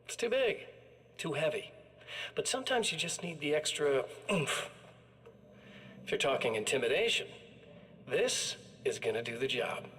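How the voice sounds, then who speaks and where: A man's voice: fairly high pitch, very animated, moderate pace, pauses often, bright, forceful tone. An actor playing a chatty killer in a video game, proud of his tools and casually menacing, talking like a salesman. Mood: smug, casual. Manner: folksy, menacing, casually pleased with himself. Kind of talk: scripted video game acting, sales-pitch monologue.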